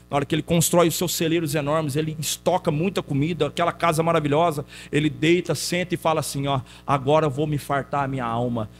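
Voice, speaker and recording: A male pastor preaching a teaching sermon in church, telling stories in an animated way and putting questions to the congregation. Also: on the high side, slight background noise. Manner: conversational, asks the congregation questions.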